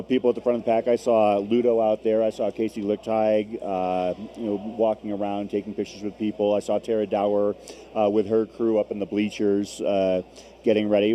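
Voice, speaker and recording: A man's voice: fairly low pitch, mellow. A man hosting a live stream of an endurance race, giving conversational commentary. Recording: faint background noise from gym. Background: gym with runners gathering.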